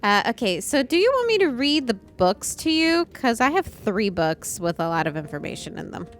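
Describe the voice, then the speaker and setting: A woman streaming a puzzle game, chatting casually and reading text aloud haltingly, often swearing and stumbling over names. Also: on the high side, big pitch swings. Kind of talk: casual gaming livestream chat.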